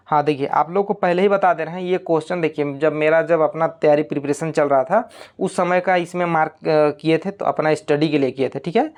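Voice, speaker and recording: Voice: medium pitch, a little mellow. A teacher talks through an online exam-prep lesson in a mid-range voice. The delivery is patient and repetitive, breaking each point into small steps and checking in often with the listener. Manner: patient, repetitive, step-by-step explaining with frequent check-ins.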